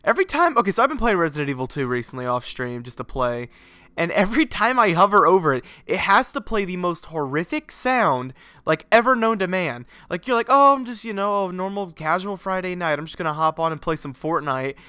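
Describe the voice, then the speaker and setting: High-pitched and sing-song, he talks fairly quickly in a pushed, bright, clean voice on a dry recording. This young game streamer broadcasts from his home garage, sounding stuffy and sinusy while he chats, rambles and swears freely.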